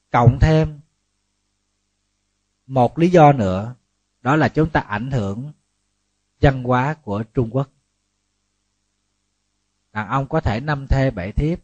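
A man, a Buddhist monk giving a lively, humorous sermon full of rhetorical questions. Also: medium pitch, dry recording, lo-fi sound.

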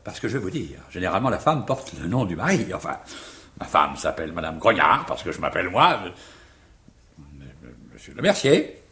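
A very husky, low-voiced man a bumbling middle-aged provincial teacher. He stammers and rambles in a fussy way, and his pitch rises and falls a lot. It has the feel of a 1950s stage farce. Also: big pitch swings, a little fast, bright, forceful tone, exaggerated voice. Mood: flustered.

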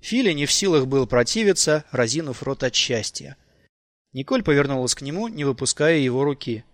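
A man narrating an audiobook in an expressive, lively way. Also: mid-range voice, brisk, dry recording, studio quality.

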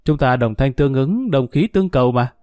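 A man's voice: medium pitch, expressive, brisk, dark tone, smooth, no echo, lightly acted. A jovial middle-aged man, a local boss, chats easily and with amusement over drinks, voiced by a male reader. Dry, close storybook reading. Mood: genial. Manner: easygoing, amused, chatty.

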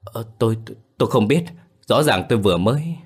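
A man's voice: lowish voice, expressive, fast, breathy edge, voice pushed up. Man voicing a stammering terrified mother. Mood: stammering fear. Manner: stammering, trembling. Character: frightened poor mother, single woman, gentle.

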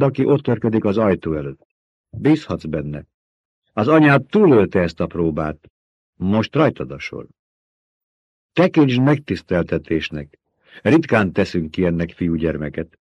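A man voicing a stern, menacing old priestess, commanding and sharp in a dull lo-fi audiobook recording. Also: lowish voice, husky, dry recording, pitched above the performer's own voice.

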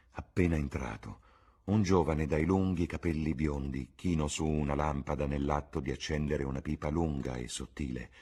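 Male audiobook narrator, deep and husky, slow measured literary reading. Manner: slow, measured and dark storytelling. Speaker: audiobook reader.

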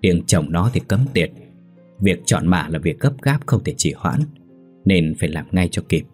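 A man's voice: low-pitched, animated, normal speed, slightly rough, faint music behind. A man voicing a stern old village ritual master who gives commanding instructions. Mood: instructive.

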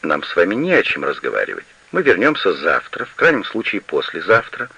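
A man's voice: sits low, wildly swooping pitch, brisk, gravelly, bright, forceful tone, slightly rough, dry recording, full character voice. A man reading an audiobook and voicing a proud, demanding woman who owns an estate, on a slightly lo-fi recording. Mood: imperious. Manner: insistent and demanding. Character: proud, pleading, imperious woman estate owner.

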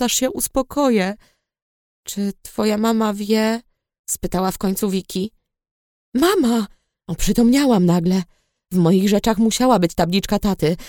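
A woman reading a novel aloud in first person, in a subdued, low-key storytelling manner. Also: a little mellow, no echo, studio quality. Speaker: audiobook reader. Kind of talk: first-person scripted narration.

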